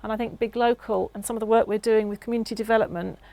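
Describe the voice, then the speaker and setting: A woman's voice: on the high side, steady tone, very fast, vocal fry, warm tone, dry recording. A woman speaking upbeat and persuasively in an interview about community work.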